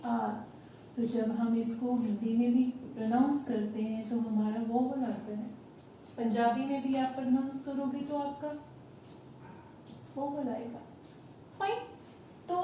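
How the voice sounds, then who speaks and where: A woman teacher with an Indian English accent explaining grammar to her class, slowly and with many questions to her students. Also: high-pitched, warm tone. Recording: echoey room, far from the mic, faint hiss.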